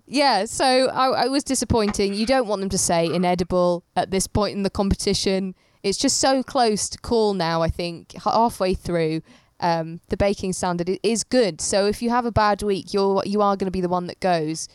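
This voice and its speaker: A young woman co-hosting a podcast, chatting playfully about a baking show and trailing off into soft asides. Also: mid-range voice, moderate pace, smooth, no echo. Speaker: podcast co-host. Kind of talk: casual chat reviewing a baking show.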